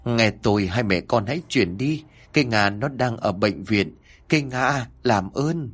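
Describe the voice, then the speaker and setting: A man doing a slow, pleading husband's ghost. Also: mid-range voice, lively intonation, a bit bright, husky. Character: sorrowful ghost of an abusive husband.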